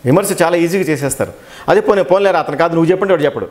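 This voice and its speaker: A Telugu-accented man talks fast and with energy, his voice sitting a little high for a man. He is a dubbing artist telling stories in an interview, and he acts out the lines he quotes. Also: darkish tone. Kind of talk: interview, animated storytelling.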